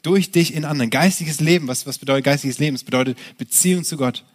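Lively, higher-voiced male pastor preaching. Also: fast talker. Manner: lively, direct, with many restarts and rhetorical questions. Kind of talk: sermon.

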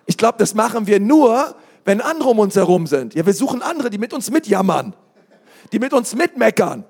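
A male pastor preaching an emphatic sermon, speaking straight to the congregation and rising to shouts. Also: high-pitched, sing-song, normal speed, gravelly, husky.

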